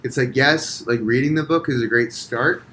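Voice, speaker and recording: A man speaking as a podcast guest, explaining in a calm, measured way with some fillers. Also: medium pitch, a little hiss or hum. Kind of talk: casual conversation.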